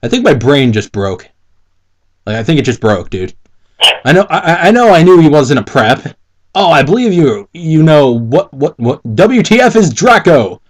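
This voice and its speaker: This man, one of the co-hosts reading and ridiculing fan fiction dramatically, has a fairly high, very animated voice at a moderate pace. He giggles, trips over his words, and curses in frustration as he comments.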